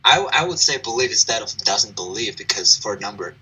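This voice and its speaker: A man answers questions in an online English lesson, hesitant and quick to apologize for his mistakes. His voice is very bright and raspy. He sounds distant from the mic over the video call. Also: fairly low pitch, expressive. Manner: apologetic, self-deprecating, hesitant. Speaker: student. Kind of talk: online class participation.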